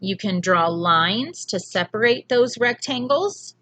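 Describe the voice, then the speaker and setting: A woman teaching a phonics lesson to young children, sounding out letters slowly, clearly and patiently in a home video lesson. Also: medium pitch, expressive, a bit bright.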